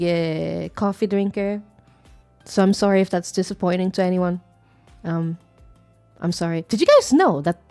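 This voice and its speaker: A woman VTuber chatting casually on a live stream, playful and rambling, with sudden squeaky greetings. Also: darkish tone. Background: faint background music.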